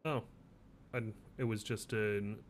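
A man with a lowish voice talks in a relaxed, easygoing manner during an online game role-play. A faint hiss of noise sits under his voice. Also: takes it slowly.

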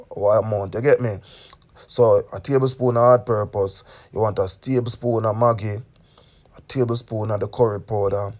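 A man's voice: on the low side, darkish tone. A young man with a Jamaican accent demonstrating a recipe in his home kitchen, talking casually and often checking in with "you get me?". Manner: chatty, keeps asking "you get me?". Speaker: cooking channel host.

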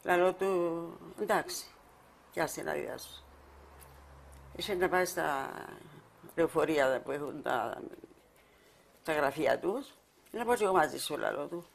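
Μια ηλικιωμένη γυναίκα με κυπριακή προφορά δίνει μαρτυρία σε συνέντευξη ντοκιμαντέρ, μιλώντας διστακτικά και επαναλαμβάνοντας λέξεις. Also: female voice, low voice, creaky, a little hiss or hum. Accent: Cypriot Greek. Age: older. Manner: halting, repeats words while recalling. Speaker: mother of the fallen soldier. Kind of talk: documentary interview testimony.

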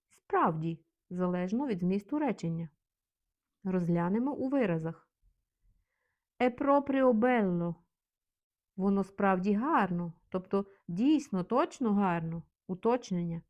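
A woman teaching vocabulary in a calm, measured way, repeating example phrases slowly. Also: mid-range voice, lo-fi sound. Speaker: language teacher.

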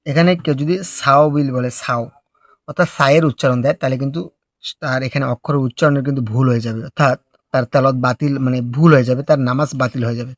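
A man teaching recitation step by step, explaining slowly and patiently before drawing out each phrase in a melodic chant. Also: mid-range voice, steady tone, no room sound, clean studio sound.

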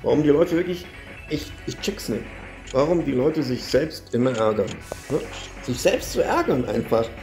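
Excitable swearing German gamer man. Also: medium pitch, moderate pace, faint music behind. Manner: excitable, swears a lot, frequent fillers. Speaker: gaming YouTuber. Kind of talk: live gameplay commentary.

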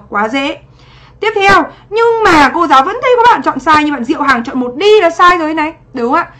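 High-pitched woman teaching a livestream lesson. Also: fairly bright tone. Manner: chatty, asks for confirmation after each point; greets viewers by name while teaching. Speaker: English teacher. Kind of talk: livestream exam review lesson.

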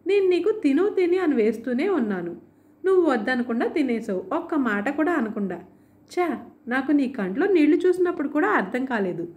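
A woman voicing Megha, a lively and caring young woman, reading her lines with expressive, bubbly delivery in a storybook. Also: high voice, normal speed.

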